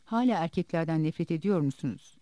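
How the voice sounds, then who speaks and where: A gentle interviewer asks careful, probing questions, voiced by a man reading an audiobook. The pitch is somewhat high and rises and falls a lot. The tone is mellow and the sound dry. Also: lively intonation, quick pace, dry recording, lightly acted.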